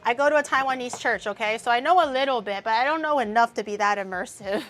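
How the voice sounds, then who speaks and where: A woman streamer and VTuber chats casually on a cooking livestream from her home kitchen, her voice a little high and fairly bright as she talks fast. She's blunt and profane, murmuring while she tastes the food.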